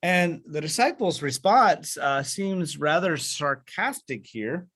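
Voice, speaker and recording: A man's voice: on the high side, lively intonation, takes it slowly, fairly bright tone, breathy edge. A man leading a Bible study over a video call, explaining with many fillers and restarts and asking the group questions.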